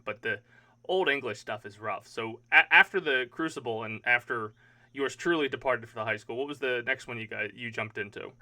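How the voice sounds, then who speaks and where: Bright-voiced young podcast host. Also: male voice, medium pitch. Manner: chatty, swears casually, trails off mid-question. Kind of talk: casual podcast chat.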